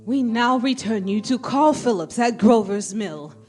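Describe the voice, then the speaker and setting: Female, slightly high voice, actress playing a composed 1930s-style radio announcer, formal and measured bulletin delivery. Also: animated, a little mellow, soft background music.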